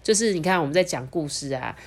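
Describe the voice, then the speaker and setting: Taiwanese-accented woman storyteller, slightly lower voice. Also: quick pace. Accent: Taiwanese Mandarin. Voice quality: slurred, non-standard pronunciation. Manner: expressive, addresses child listeners directly. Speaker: storytelling podcast host, mother. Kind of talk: children's storytelling and chat.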